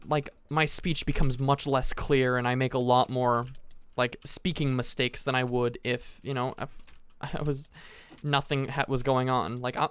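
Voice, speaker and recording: A man's voice: mid-range voice, a bit bright, clean tone, dry recording. A teenage boy casually telling a long story over gameplay, rambling and restarting his sentences often. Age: teens. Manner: rambling, self-interrupting, frequent restarts. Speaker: gaming commentator.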